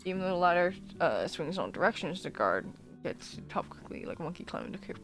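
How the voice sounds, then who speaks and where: Brief: streamer narrating a text RPG, mid-pitched, faint guitar bed. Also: very animated, fast talker, fairly bright tone. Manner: stumbling reads with self-corrections. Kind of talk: reading a text game aloud.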